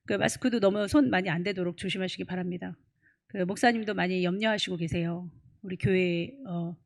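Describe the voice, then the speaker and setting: Emphatic woman pastor preaching. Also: medium pitch. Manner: emphatic, rhetorical questions. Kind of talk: sermon. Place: church.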